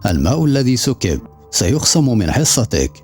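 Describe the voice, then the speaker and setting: A man's voice: mid-range voice, very animated, moderate pace, darkish tone, slightly rough, soft background music, voice pushed up. A man voicing an angry, domineering ship captain in an audiobook, with a harsh, commanding delivery.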